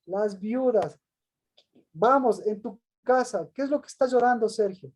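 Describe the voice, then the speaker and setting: A man's voice: high voice, unhurried, breathy edge. A male pastor giving an interactive Bible lesson who reads scripture aloud, asks questions, calls on people by name and repeats their answers back.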